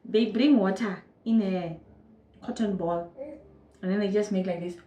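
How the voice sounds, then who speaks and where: A woman's voice: mid-range voice, a little slow, reverberant, slight background noise, low-quality recording. A young woman with a Namibian accent, telling a personal story casually to her viewers and acting out moments. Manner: animated, acts out moments with quoted voices and sound effects. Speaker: vlogger.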